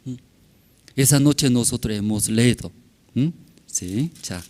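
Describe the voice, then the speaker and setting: Pastor speaking broken Spanish. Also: male voice, mid-range voice, takes it slowly, darkish tone. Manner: broken non-native Spanish, tag questions, chuckles. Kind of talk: informal sermon with storytelling. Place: church.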